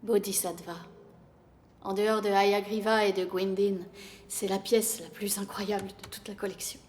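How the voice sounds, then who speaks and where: An actress playing a poised, cultured European art expert, polite and composed in film dialogue. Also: female voice, mid-range voice, little pitch movement, moderate pace, darkish tone, lightly acted.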